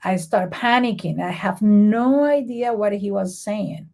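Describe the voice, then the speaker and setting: Venezuelan-accented woman with a gravelly voice. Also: mid-range voice, measured pace. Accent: Venezuelan Spanish. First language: Spanish. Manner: earnest, animated storyteller. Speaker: guest educator. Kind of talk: conversational interview storytelling.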